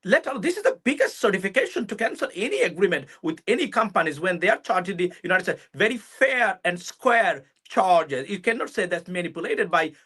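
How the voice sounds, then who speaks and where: Male interviewer, somewhat high-pitched, conversational, stumbles and doubles back over his phrasing. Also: sing-song, fairly bright tone, breathy edge. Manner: halting, searching for words, repeats himself.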